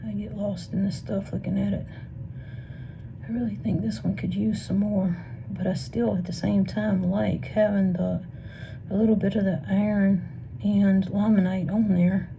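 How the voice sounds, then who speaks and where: This woman, a Missouri-accented rock tumbling vlogger, is losing her voice as she sorts stones and muses half to herself, often whispering. Her voice is mid-range, creaky and dark in tone, level and moderately paced, and the room ambience is noisy.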